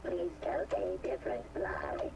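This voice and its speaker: A glitching robot unit. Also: male voice, lowish voice, unhurried, heavily acted. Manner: clipped, formal, monotone machine phrasing. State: malfunctioning, repeating itself in loops. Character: glitching robot security unit, stiff and officious. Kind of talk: video game character dialogue. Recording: distant game audio with noise.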